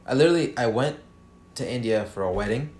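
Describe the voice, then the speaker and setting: A man's voice: mid-range voice, animated, quick pace, a little mellow, roomy sound. A man in his twenties co-hosting a podcast, joking and teasing his friend in casual chat. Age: 20s. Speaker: podcast co-host.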